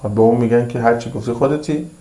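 A man preaching a sermon with a dark, mellow tone. He intones Arabic passages slowly and deliberately, then explains them in easy colloquial speech, repeating his phrases for emphasis. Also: medium pitch. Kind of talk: religious sermon.

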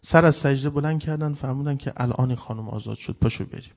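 A man preaching at a religious gathering, retelling a story with fervent emotion, his voice rising and swelling in the dramatic scenes, and often clearing his throat. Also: mid-range voice, darkish tone.

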